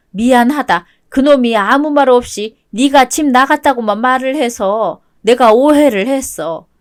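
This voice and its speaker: A woman voicing a worried older mother-in-law, motherly and scolding, in a web-toon radio drama reading. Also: high-pitched.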